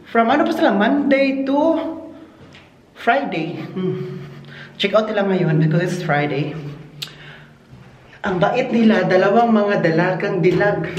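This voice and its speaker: A man's voice: sits high, slight background noise. Man vlogger at work, gossipy and giggly, roomy echo on a handheld phone. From Philippines. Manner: gossipy and giggly, laughing often. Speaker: vlogger working at a hotel. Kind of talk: casual chatty vlog. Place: indoors in a hotel.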